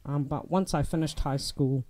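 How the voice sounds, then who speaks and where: A young New Zealand man talks as a guest in a casual interview, relaxed and full of ums and restarts. His voice sits on the high side, and he speaks at normal speed.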